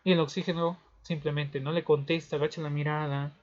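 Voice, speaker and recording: High-voiced playful male teacher. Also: level tone, fairly quick. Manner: playful storytelling, frequent tag questions. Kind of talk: physiology review lecture. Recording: dull lo-fi recording.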